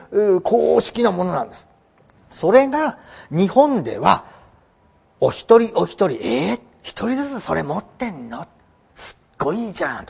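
A man explaining English vocabulary in a chatty lesson, slowing down to spell out words. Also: high voice, creaky, a little mellow, breathy edge. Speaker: English teacher. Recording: dull lo-fi recording.

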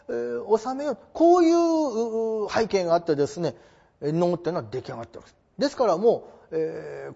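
High, lively man lecturing, lo-fi. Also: vocal fry, husky. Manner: polite, explanatory, with rhetorical questions. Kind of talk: classroom lecture on traditional theatre. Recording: dull lo-fi recording.

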